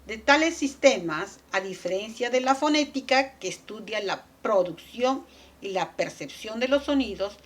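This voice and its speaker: A woman's voice: a little high, animated, moderate pace. A woman teaching a lesson, explaining step by step and answering her own questions, with frequent tag questions and fillers. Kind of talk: lecture on language development.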